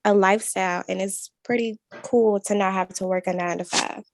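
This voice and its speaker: A woman's voice: mid-range voice, steady tone, brisk, noisy background. A woman from Chicago, a guest content creator on a podcast, talking bluntly and casually and swearing freely. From Chicago, USA. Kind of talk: casual group interview.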